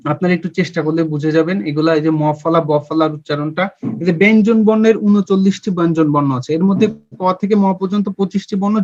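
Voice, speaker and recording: High-voiced man teaching grammar online. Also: no echo. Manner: explains step by step, quizzing the viewers and answering himself; has listeners repeat sounds with him. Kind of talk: online Bangla grammar lesson. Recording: dull, lo-fi and dry.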